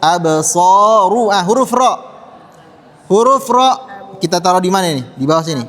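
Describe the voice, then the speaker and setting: A man's voice: high-pitched, expressive, normal speed, a bit bright. A man teaching a Quran pronunciation lesson to children, patiently drilling sounds and having the class repeat after him. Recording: long hall reverb.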